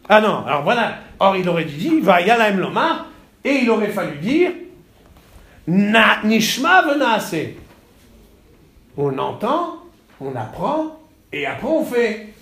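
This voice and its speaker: A man teaching a classroom text study, halting and repeating words, then stressing key points with energy. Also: sits high, sing-song, a bit bright, reverberant.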